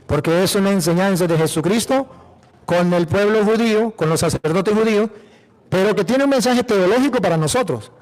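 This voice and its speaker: A priest from Venezuela with a Venezuelan accent, preaching emphatically, repeating phrases and asking rhetorical questions. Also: male voice, sits high, a little fast, a little mellow. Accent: Venezuelan Spanish. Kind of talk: apologetic preaching.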